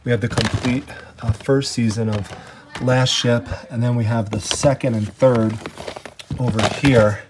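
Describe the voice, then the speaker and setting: This treasure-hunting vlogger has a medium-pitched voice and chats casually while walking through an estate sale house, filming by hand from a first-person view. Phrases like "I mean" and "you know" fill his talk, and background noise is present.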